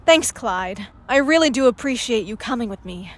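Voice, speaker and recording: An actress playing a serious, determined young journalism student in a video game, insistent and pointed. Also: female voice, on the high side, animated, moderate pace. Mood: guarded, serious. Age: young adult.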